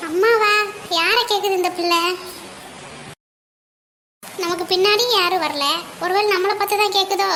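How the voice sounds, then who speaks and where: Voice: normal speed, pauses often, bright, forceful tone. A performer voicing a puzzled middle-aged cartoon aunt who wonders aloud. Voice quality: very high, thin cartoon voice. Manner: bewildered, musing aloud. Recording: audible background noise.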